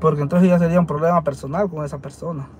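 A man's voice: fairly high pitch, steady tone, rapid-fire, a little mellow, slight background noise. A man from Guatemala with a Guatemalan Spanish accent, telling his side of a story to camera in an earnest, defensive way and often stopping to rephrase. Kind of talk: casual talk to camera. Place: dental clinic waiting area.

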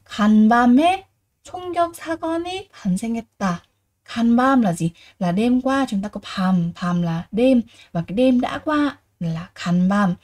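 Fast-talking woman teaching vocabulary. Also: medium pitch, lively intonation, a little mellow. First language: Vietnamese. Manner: repeats each word slowly, asks rhetorical questions. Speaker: Korean language teacher. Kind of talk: vocabulary lesson.

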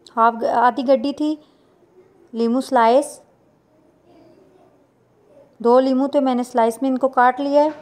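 A woman's voice: sits high, a little mellow. Woman host talking through a recipe. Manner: plain instructional, unhurried with small restarts. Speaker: cooking channel host. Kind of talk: step-by-step recipe voice-over.

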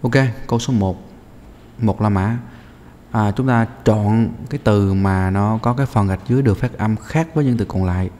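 A man's voice: on the low side, normal speed, mellow, in a large hall, slight background noise. A male English teacher going through a practice test answer by answer, explaining step by step with many hesitant fillers. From Vietnam.

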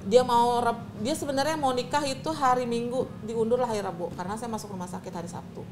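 A woman's voice: fairly high pitch, quick pace, noisy background. A middle-aged woman, a talk-show guest retelling her marriage story animatedly. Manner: animated, acts out quoted voices. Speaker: interview guest.

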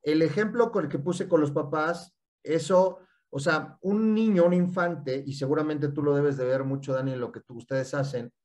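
A man with a Mexican accent explaining in casual talk, animated, often linking thoughts with "y entonces". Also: on the high side, normal speed, hardly any pauses. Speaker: guest speaker.

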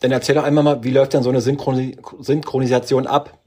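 A man's voice: mid-range voice, flat delivery, fast, dark tone, slightly rough. A man interviewing someone casually, putting questions in an informal chat.

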